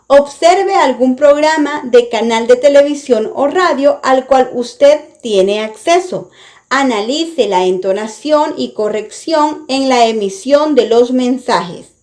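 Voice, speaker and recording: A woman teaching a lesson, reading out a scripted explanation in a careful, deliberate way. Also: sits high, a little mellow. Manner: slow, careful, deliberate delivery.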